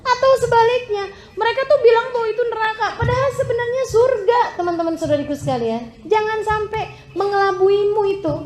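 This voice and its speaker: A woman's voice: brisk, echoey room, a little hiss or hum. A woman preacher giving an emotive sermon and telling stories with wide swings of expression. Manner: animated, emotive storytelling with wide pitch swings.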